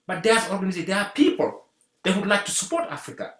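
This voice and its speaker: Animated guest. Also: mid-range voice, quick pace. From Senegal. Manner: animated, repeats rallying phrases. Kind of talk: earnest community talk. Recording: roomy echo.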